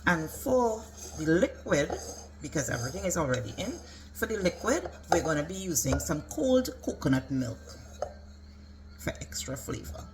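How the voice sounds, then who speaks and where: A woman's voice: low voice, sing-song, normal speed, background noise. A woman giving a casual, step-by-step cooking demonstration as a home cook. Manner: instructional, step-by-step. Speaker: home cook presenting a recipe.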